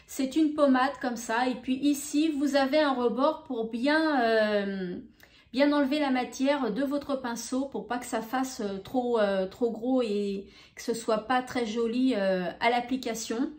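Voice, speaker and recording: A woman showing beauty products in a casual vlog, talking in an unhurried, hesitant way with many fillers. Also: fairly high pitch, darkish tone, roomy sound. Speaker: beauty vlogger. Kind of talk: casual haul video.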